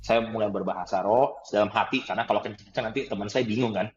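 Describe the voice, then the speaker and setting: A man telling a personal story in conversation, animated, laughing often and acting out the dialogue. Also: on the low side, fast talker, highs cut off, crowd noise. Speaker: guest trainer.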